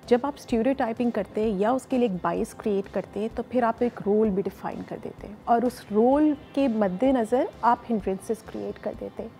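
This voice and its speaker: A woman psychologist with a Pakistani accent, explaining in a measured way and mixing English phrases into her Urdu, on a TV morning show. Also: a little high, a little mellow. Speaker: psychologist guest. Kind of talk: studio interview. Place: TV studio.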